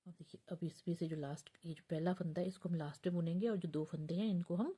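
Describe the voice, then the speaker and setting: A woman teaching knitting step by step, patient and unhurried. Her voice is low and very mellow, with a husky, breathy edge. She counts stitches aloud and often sinks into a soft near-whisper. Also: steady tone.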